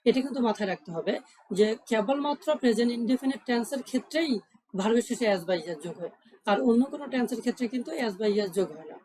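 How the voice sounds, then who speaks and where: A woman's voice: a little high, animated, quick pace, a little mellow, low-quality recording. A woman teaching English grammar rules step by step. She asks questions and then answers them herself, and she repeats the key points.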